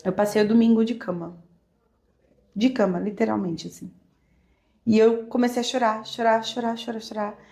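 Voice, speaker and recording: A woman with a Brazilian Portuguese accent, a podcast guest telling a personal story in a reflective, emotional way with many soft fillers. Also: a little high, flat delivery, moderate pace, pauses often. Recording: echoey room.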